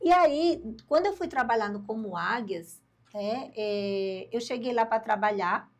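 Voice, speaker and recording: An older woman, a podcast guest telling her story in a lively way and acting out the dialogue. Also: fairly high pitch, measured pace. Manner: lively storyteller, acts out dialogue, laughs at herself.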